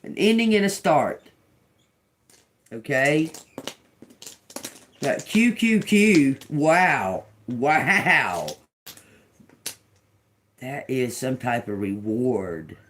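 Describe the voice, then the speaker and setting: A woman's voice: rumbling low, very animated, drawn-out words, pauses often, slight background noise. A woman in her fifties doing a tarot reading for viewers in an emphatic, chatty way, calling them y'all. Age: 50s. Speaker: tarot reader.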